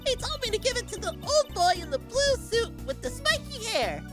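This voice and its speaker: A man putting on a chipmunk-like squeaky falsetto to voice a cheerful little girl magician, straining to go that high. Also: sing-song, moderate pace, over loud music. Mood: chirpy.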